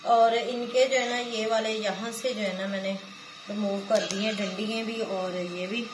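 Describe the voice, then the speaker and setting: A Pakistani village vlogger with a Pakistani Urdu accent sits on a floor mat in a small room at home, chatting casually as she explains her home cooking step by step and often saying "jo hai na." Her medium-pitched voice is steady and normal in pace. The room is echoey, with clear background noise.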